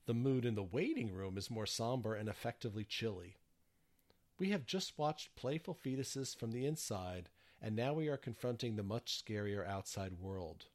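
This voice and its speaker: A man reading his prepared theater reviews in a measured scripted narration. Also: medium pitch.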